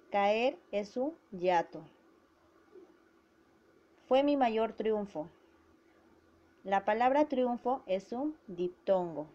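A woman teacher giving a grammar lesson to schoolchildren, slowly spelling out syllables. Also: mid-range voice, dark tone. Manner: slow and deliberate, spelling out syllables. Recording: dull lo-fi recording.

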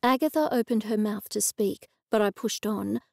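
A woman narrating a novel in a gently expressive, scripted audiobook style, recorded close and dry in a studio. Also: mid-range voice, moderate pace, vocal fry, dry recording.

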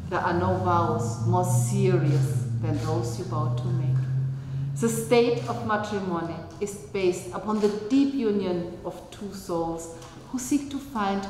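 A woman's voice: mid-range voice, a little mellow. A woman officiating a wedding in a small chapel, speaking formally and leading the vows line by line. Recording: echoey chapel reverb, faint noise.

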